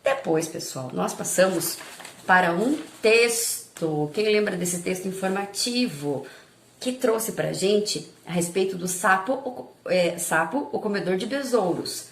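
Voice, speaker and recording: A woman's voice: mid-range voice, reverberant. A woman teacher with a Brazilian Portuguese accent, patiently reviewing lessons step by step for her pupils and often checking they follow. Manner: patient, explaining step by step with frequent check-ins.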